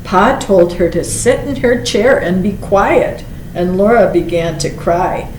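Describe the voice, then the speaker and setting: A library storytime reader, a woman of medium pitch, shares a picture book with children at an unhurried, measured pace, stretching words out expressively and tossing in quick asides. The audio is roomy and reverberant, with a little noise in the background.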